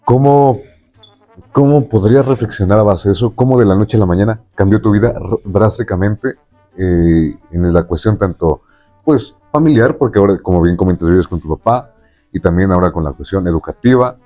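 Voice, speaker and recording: Over soft background music, a Mexican-accented podcast host chats with his guest. His voice is on the low side, warm and brisk, and his talk rambles, frequently punctuated by tag questions to check in.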